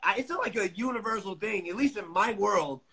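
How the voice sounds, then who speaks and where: A man with a high, bright, forceful voice talks loosely and agreeably, with plenty of slang. He comes in as a guest on a video call. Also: fairly quick, gravelly, breathy edge, poor audio. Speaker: co-host on live stream. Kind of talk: casual live chat.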